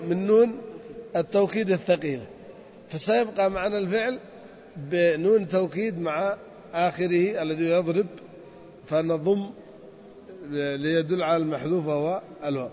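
A man teaching a grammar lesson to a class. He drills the students with questions and drags out the example words slowly. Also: sits high, darkish tone. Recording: dull audio with long reverb.

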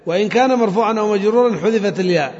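A man teaching a classroom lesson on Quran recitation, drilling examples slowly, chanting phrases and quizzing his students. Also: sits high, a little mellow. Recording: long reverb, dull lo-fi sound.

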